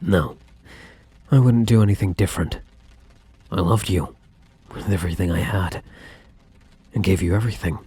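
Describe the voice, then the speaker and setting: A man playing a possessive, lovesick ex-boyfriend in an ASMR role-play, speaking intensely and defensively to the listener with dramatic pauses. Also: sits low, dark tone, slightly rough. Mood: hurt, bitter. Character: possessive, obsessive ex-boyfriend, self-justifying and lovesick.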